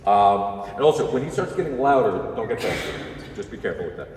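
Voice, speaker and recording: A man conducting an orchestra rehearsal who gives brisk, encouraging instructions, sings rhythms on "ba" syllables and counts the players in. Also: lowish voice, very animated, darkish tone, a little hiss or hum. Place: large concert hall. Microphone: distant room mic. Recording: echoey concert hall from far off, orchestra behind.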